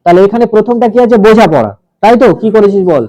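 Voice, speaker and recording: A man's voice: high voice, animated, fast, dark tone, poor audio. A male teacher leading a classroom grammar lesson, explaining step by step and putting questions to the class.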